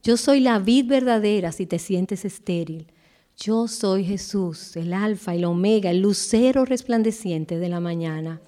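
A woman giving an earnest devotional Bible teaching, slowing down with emphatic pauses. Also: medium pitch, mellow.

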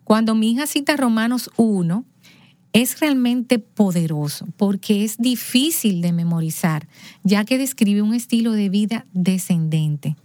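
A woman telling a personal story as an interview guest, lively, acting out the lines of people in her story. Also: mid-range voice, unhurried, no room sound.

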